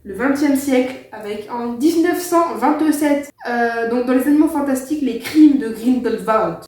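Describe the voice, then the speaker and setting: A woman hosts a casual chat, stumbling along with frequent fillers and laughs. Her voice sits a little high. She sounds distant from the mic in a very echoey room. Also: warm tone. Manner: hesitant, filled with "euh" and laughs. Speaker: host.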